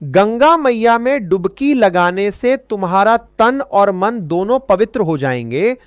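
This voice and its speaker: A proud middle-aged priest who talks with self-assured boastfulness, heard in a narrated story, voiced by a woman. Mid-range pitch with a dry, close sound. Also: lively intonation, slow, dry recording.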